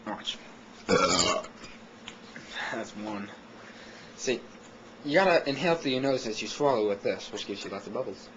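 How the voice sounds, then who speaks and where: A man's voice: mid-range voice, expressive, normal speed, long pauses. A man in casual chat, playfully telling someone how it is done. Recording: dull lo-fi audio, loud background noise.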